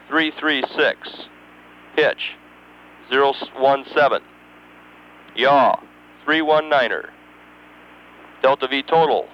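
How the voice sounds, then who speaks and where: A man acting as mission control communicator over radio, methodically reading procedural figures digit by digit with pauses. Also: medium pitch. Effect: radio transmission. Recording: dull, band-limited mission radio channel.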